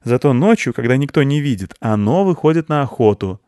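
A man voicing a bossy, energetic little girl in a storybook, speaking briskly and insistently. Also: mid-range voice, dry recording, clean studio sound, voice pushed up, close to an everyday voice. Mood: lively. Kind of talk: audiobook character voice.

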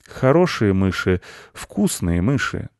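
A man's voice: fairly low pitch, very animated, slow, creaky, a little mellow, no echo, studio quality, full character voice. A man doing a sly, hungry cat.

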